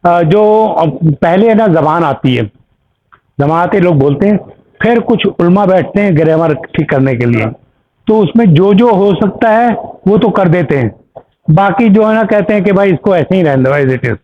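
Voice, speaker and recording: A man with a fairly high voice teaches a language class, walking through grammar step by step and checking in with his students. The sound is thin and tinny, like a phone line. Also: lively intonation, moderate pace. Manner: patient, explains step by step with examples and checks. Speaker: Arabic teacher. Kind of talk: classroom explanation.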